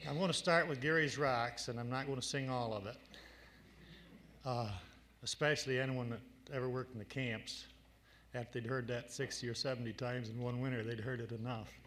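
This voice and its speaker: A man's voice: medium pitch, fairly even intonation, a bit bright, slight background noise. An older man from upstate New York, a folk singer telling the stories behind his songs with dry humor. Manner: slow, folksy, dry humor. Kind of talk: folk song introductions and stories at a gathering.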